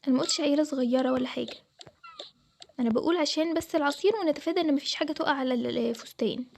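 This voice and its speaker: A woman's voice: sits high, very fast, gravelly, darkish tone. A woman voicing a young bride who is upset and complaining, in an Egyptian accent. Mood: pleading. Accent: Egyptian Arabic. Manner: complaining, pleading. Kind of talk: Toca Boca roleplay voiceover.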